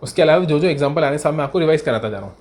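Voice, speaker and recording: Teaching an exam revision session, the man refers to students as beta and sahab and answers the questions he himself raises. English question text is read slowly, word by word, and he acts out imagined student responses in a quieter, lower voice, keeping an overall lively manner.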